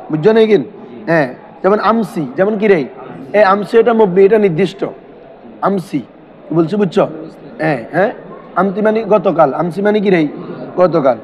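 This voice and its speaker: Male teacher, high-pitched, drills students with questions in a lesson; muffled low-fi recording. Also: a little mellow. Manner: quizzing students with constant questions. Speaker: madrasa teacher. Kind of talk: classroom grammar lesson. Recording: dull lo-fi recording.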